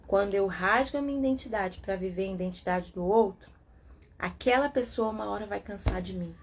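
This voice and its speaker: With a mid-range voice and a fairly quick pace, against slight background noise, a Brazilian woman leads a casual live talk on a self-help book about codependency. Speaking with a Brazilian Portuguese accent, she animatedly asks herself rhetorical questions and voices what others say.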